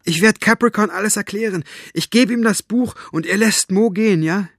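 A man's voice: sits high, normal speed, fairly bright tone, no room sound, studio quality, pitched above the performer's own voice. A man voicing a frightened young girl who begs urgently in a raised, imploring voice. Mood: pleading.

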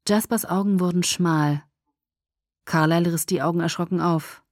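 A woman reading a novel aloud as audiobook narrator, in even storytelling narration. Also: fairly low pitch, normal speed, no echo, clean studio sound. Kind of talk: scripted narration.

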